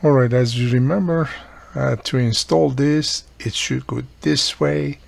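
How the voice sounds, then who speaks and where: Unhurried and creaky, with a medium pitch and a slightly mellow quality, a man presents a radio repair tutorial. English isn't his first language; he explains the hands-on work step by step without a script, regularly checking in with whoever is watching.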